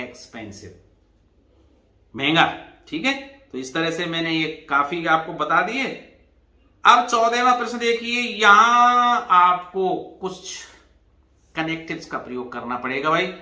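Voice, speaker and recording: A man's voice: sits high, bright, forceful tone, echoey room. A man teaching an exam revision lesson, explaining patiently and spelling words out letter by letter. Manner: addresses students as "bhai".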